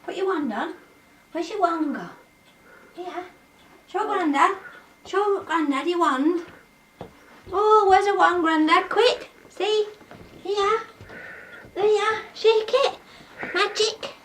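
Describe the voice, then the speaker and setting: Older gran doing high slow baby talk, heard from across the room on a noisy home video. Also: female voice, reverberant. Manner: coaxing, high and drawn-out, often dropping to soft murmurs. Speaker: grandmother playing with a toddler. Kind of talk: sing-song baby talk to a small child. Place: family home, indoors. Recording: distant home-video audio with background noise.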